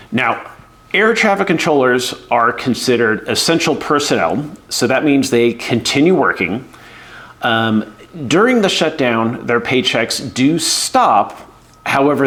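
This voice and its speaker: Speaking in a casual explainer video, this middle-aged man from the United States, an air traffic controller, offers frank career advice full of fillers. His voice is medium in pitch and fairly bright. He talks conversationally and performs the voices of people he quotes.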